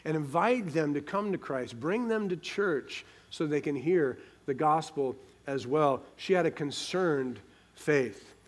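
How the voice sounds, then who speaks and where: Brief: male preacher, fairly high voice, emphatic sermon delivery, repeats phrases. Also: animated, measured pace. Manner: emphatic, rhetorical, repeats phrases, reads scripture aloud.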